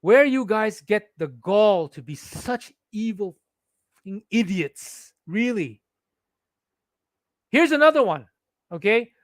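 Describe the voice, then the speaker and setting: Very animated yet slow-paced, with frequent pauses, this high-pitched man rants indignantly to camera as a vlogger. He's from the Philippines but has a Singaporean English accent, and he keeps restarting sentences in his heated monologue. The recording is dry and studio quality.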